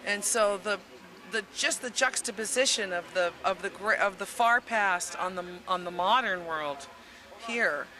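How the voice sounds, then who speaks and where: A woman's voice: mid-range voice, unhurried, sharp tone. A woman in her fifties from the United States, answering an outdoor street interview into a handheld mic, rambling and thoughtful, searching for words. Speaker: interviewee, traveler on the bus. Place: outdoors at a busy public event. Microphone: handheld mic held by interviewer. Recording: crowd noise behind.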